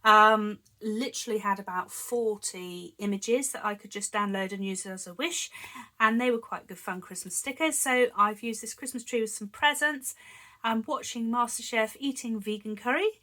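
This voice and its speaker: Slightly wheezy from a chest infection, a UK woman in her fifties giggles and chats her way through displaying her planners, sprinkling in lots of ums. She talks at normal speed, and her voice is pushed, bright and on the high side.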